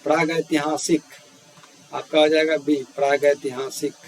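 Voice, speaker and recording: A man's voice: fairly high pitch, flat delivery, measured pace, low-quality recording. A man teaching grammar, reading out words and their answer options one by one, repeating each word as he goes. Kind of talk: spelling quiz walkthrough. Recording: faint hiss.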